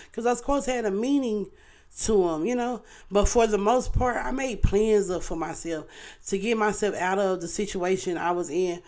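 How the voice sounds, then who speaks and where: A woman's voice: medium pitch, darkish tone. A woman, a parent, hosting her own online show in a casual, heartfelt talk to her viewers, earnest and chatty, often checking in with her listeners. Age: adult parent. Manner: earnest, chatty, often asks "you know what I'm saying".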